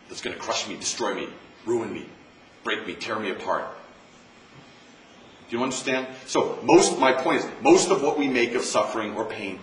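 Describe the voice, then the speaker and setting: Male Zen monk from the US, casual teaching talk, animated pitch, repeats himself for emphasis; recorded from afar in a roomy hall. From United States. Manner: conversational, repeats phrases for emphasis. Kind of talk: informal dharma talk. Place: campus lecture room. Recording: roomy, distant mic, faint hiss.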